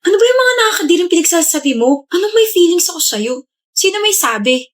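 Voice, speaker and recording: A woman playing a sassy young woman in a comedy skit, firing back sharp, high-pitched retorts. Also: very animated, quick pace. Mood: indignant.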